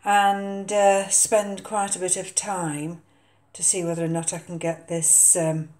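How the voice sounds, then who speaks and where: An older woman talks through her orchid potting at an unhurried pace, stopping often for ums and uhs. Her voice sits low and mellow. The kitchen around her gives a roomy echo. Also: flat delivery. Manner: hesitant, lots of ums and uhs. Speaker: orchid vlogger. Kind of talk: casual chat while potting a plant. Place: home kitchen.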